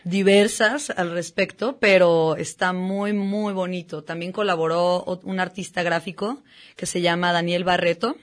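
A woman, a musician guest in a casual interview, relaxed and chatty with slang. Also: fairly low pitch, unhurried. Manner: relaxed, chatty, uses slang, restarts often.

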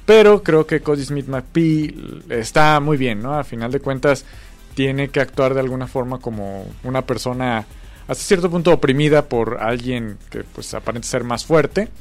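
A man's voice: mid-range voice, normal speed, faint music behind. Rambling man chatting about film. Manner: rambling, hesitant, many fillers. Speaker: podcast co-host. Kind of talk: casual chat about film awards.

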